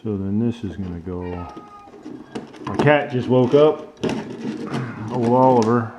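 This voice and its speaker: A man's voice: mid-range voice, animated, takes it slowly. A man giving casual hands-on commentary in a workshop, thinking aloud informally as he works. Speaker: DIY car builder presenting his project. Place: workshop at a workbench and beside a truck. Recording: dull lo-fi audio with clear noise.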